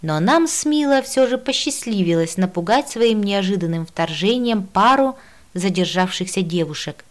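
A woman reading a first-person audiobook, telling the story expressively with lively swings in tone. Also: medium pitch, moderate pace. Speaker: audiobook narrator.

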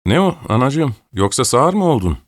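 Narrating an audiobook, a man with a fairly low voice pitches himself above his natural range to play an old, imperious countess who scolds and issues orders. His delivery is querulous and commanding, with big pitch swings at a normal speed. The recording is dry and studio quality.

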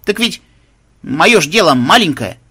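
A man's voice: on the high side, very animated, pushed and bright, breathy edge, heavily acted. A man voicing an eager, servile young male monk who speaks in a hurry. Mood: flustered. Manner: hurried, servile.

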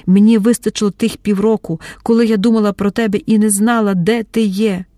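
A woman reading an audiobook, voicing a tense young woman who breaks into hysterical shouting. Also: medium pitch, steady tone, a little fast, dry recording, studio quality, close to an everyday voice. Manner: shouting, pleading outbursts.

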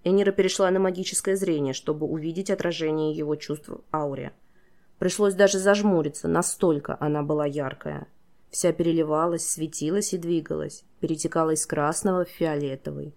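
Woman, low pitch, audiobook narration, steady, expressive. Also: brisk. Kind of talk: scripted fantasy narration.

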